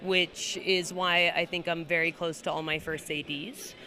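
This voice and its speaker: A woman's voice: on the low side, flat delivery, a little slow, pushed and bright. A woman being interviewed casually on a red carpet, speaking in a candid, rambling, emphatic way. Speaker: festival guest being interviewed.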